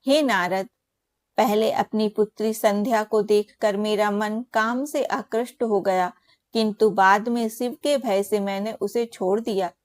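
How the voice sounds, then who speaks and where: A woman voicing the creator god Brahma as a wise male elder, telling the tale in a solemn, measured way. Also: medium pitch, steady tone, dry recording, clean studio sound, natural voice.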